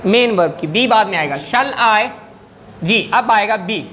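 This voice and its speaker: A man's voice: high-pitched, animated, a bit bright, a little hiss or hum. A man teaching an English grammar lesson in class, patient and coaxing, often checking whether students follow.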